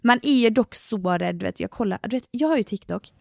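A young woman co-hosting a casual chat podcast, reacting with quick interjections and short exclamations. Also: on the high side, expressive, vocal fry, dry recording, studio quality. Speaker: podcast co-host.

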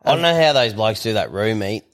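A man's voice: fairly low pitch, expressive, fairly quick, a bit bright. An Australian man in casual banter, talking like a tradesman in a blunt, crude and slangy way.

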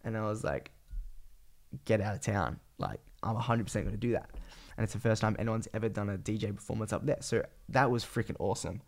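A young man with an Australian accent talks in a low, gravelly voice, croaky and thick with phlegm from being sick. He rambles through a casual solo podcast catch-up with plenty of slang. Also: fairly quick. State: sick with a cold, voice partly gone. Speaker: podcast host and vlogger.

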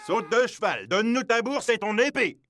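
A gruff, brutal bandit chief barks his orders in a storybook tale, as a woman narrator puts him on. The voice sits high and swoops around. It is a rough, shouty villain. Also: animated, moderate pace, no echo, studio quality. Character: gruff dirty male brigand chief, brutal.

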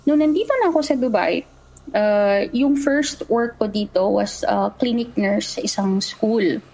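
Her voice is medium-pitched and measured as this young Filipina shares a true horror story, switching casually between Tagalog and English. She brings energy to it, performing the children's words herself. The recording is rough.

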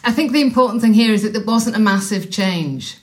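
A woman, giving measured, slightly hesitant answers as a guest in a panel interview. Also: mid-range voice. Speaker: podcast guest, national director of a social work body.

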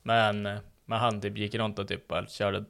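A man's voice: lowish voice, flat delivery, gravelly, a bit bright. A young man chatting casually on a podcast, telling a gym story with lots of swearing and acted-out quotes.

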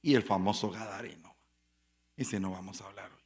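A man preaching a sermon as pastor, telling stories dramatically with sudden loud bursts and quiet asides. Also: deep voice, fairly even intonation, moderate pace.

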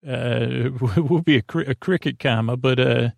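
As a podcast host, a man gives a rambling bedtime monologue, haltingly dropping and restarting thoughts. His voice is gravelly and creaky, with heavy vocal fry, at an ordinary male pitch. The recording is dry and close, with very little room sound.

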